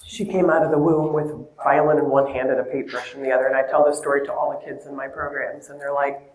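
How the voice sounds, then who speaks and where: A woman's voice: extremely low pitch, fairly even intonation, fast talker, a little mellow. A woman in her fifties telling personal stories at a talk, earnest, conversational and emotional. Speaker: speaker at a talk. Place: event venue with audience. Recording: echoey room.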